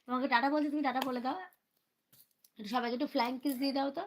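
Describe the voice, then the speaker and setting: A young woman, a mother on a livestream, talking to her small child in a coaxing, gently scolding, sing-song way. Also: high-pitched, fairly even intonation, rapid-fire. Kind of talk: casual talk to a toddler on a livestream.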